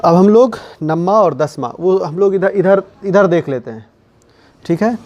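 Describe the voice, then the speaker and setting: Man, grammar teacher, slow and deliberate, slightly high voice, quizzes himself aloud. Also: animated, darkish tone, lo-fi sound. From India. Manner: slow explaining, repeats key words, asks and answers his own questions. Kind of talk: classroom lesson.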